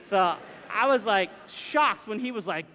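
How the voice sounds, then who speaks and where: A young adult man, a pastor, telling a comic story in a chatty, animated way from the pulpit. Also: high-pitched, measured pace, a little hiss or hum. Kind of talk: storytelling sermon. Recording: reverberant hall.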